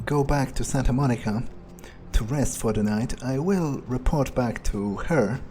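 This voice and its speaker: This in-character playthrough features a streamer portraying a casually murderous, cold and cynical male vampire, musing aloud with nonchalant hesitation and a detached mood. His voice is natural, mellow and medium-pitched, with a little hiss or hum in the recording.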